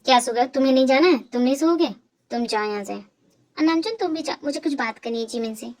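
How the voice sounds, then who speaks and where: A woman's voice: sits high, fast, darkish tone. A woman doing a fussy doting mom. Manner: scolding, fussing. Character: fussy doting middle-aged mother. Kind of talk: amateur fan dub.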